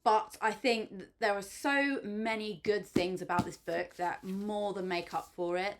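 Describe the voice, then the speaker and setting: A woman whose first language is English gushes about a book she loves in a spoken review for her channel, chatty and loose with plenty of ums and likes. Her medium-pitched voice is fairly even and measured, with slight background noise.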